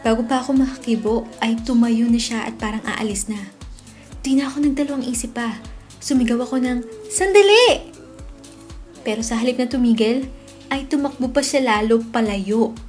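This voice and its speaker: A young woman narrating her own story in first person as the dubber of a comic, expressive and lively in delivery. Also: a little high, a little fast. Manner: expressive, swings into loud excited shouts. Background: faint background music.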